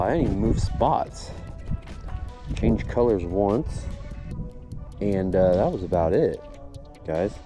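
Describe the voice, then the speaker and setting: Here a man who runs a fishing channel gives laid-back, upbeat commentary while fishing from a boat, frequently saying "boom." The clip was shot outdoors on an action camera.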